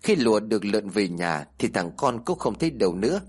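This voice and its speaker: A man's voice: lowish voice, fairly quick, husky, soft background music. A man narrating a horror story and voicing its characters. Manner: animated storytelling with voiced characters.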